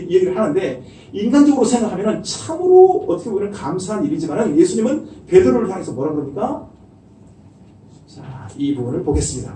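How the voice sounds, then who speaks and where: A middle-aged man preaching a sermon as pastor, animated and acting out the voices he quotes. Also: sits high, far from the mic, a little hiss or hum. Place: church sanctuary. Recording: echoey church hall miked from afar.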